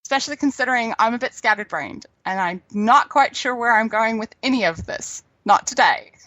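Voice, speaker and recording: A woman's voice: a little high, expressive, a little fast, bright, forceful tone, dry recording, lo-fi sound. A middle-aged woman from New Zealand with a New Zealand accent, a scientist guest chatting casually on a radio interview and laughing often.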